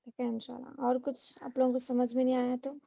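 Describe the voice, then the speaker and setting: A woman's voice: high voice, flat delivery, fairly quick, gravelly, warm tone, no room sound, clean studio sound. A woman teaching a Quran recitation class over a video call, explaining step by step and often asking the class questions. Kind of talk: online class lesson. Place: online class.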